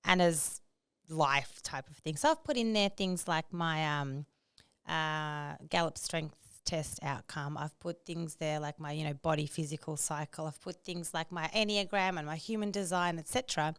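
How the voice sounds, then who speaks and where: Woman podcast guest, clear smooth voice, lively and laughing, dry close mic. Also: low voice, normal speed, dry recording. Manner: animated, laughs often, mimics voices. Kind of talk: casual chat.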